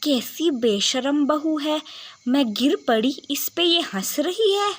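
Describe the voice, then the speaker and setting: A fussy, easily offended older auntie from an animated story, put on by a woman. She nags in an indignant, high voice, and she drags her words out very slowly. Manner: indignant, nagging.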